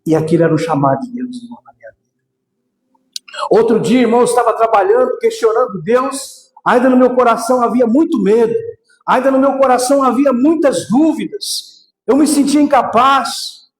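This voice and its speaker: A man preaching a fervent testimony sermon, often calling out to his brothers and rising into shouts. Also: very high-pitched, moderate pace. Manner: fervent, repeatedly addresses "irmãos", bursts into shouts. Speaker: missionary preacher. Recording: echoey hall with long reverb.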